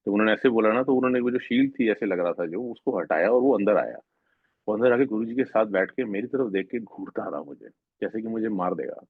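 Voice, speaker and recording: A man with a husky, somewhat low voice gives an earnest, rambling testimony, often breaking off and restarting his sentences. The sound is thin and phone-like, and it is dry with no room echo. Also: animated, quick pace. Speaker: devotee sharing a personal spiritual experience. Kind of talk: personal testimony at a devotional gathering.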